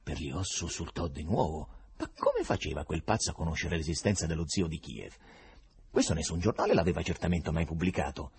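A man reading a novel aloud as an expressive audiobook narrator. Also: fairly low pitch, slightly rough. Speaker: reader.

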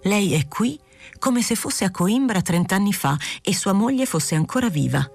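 A woman reading the part of a calm, frank middle-aged male doctor who speaks in a probing, gently lecturing way, in an audiobook. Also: medium pitch, normal speed, vocal fry, pitched above the performer's own voice. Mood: earnest.

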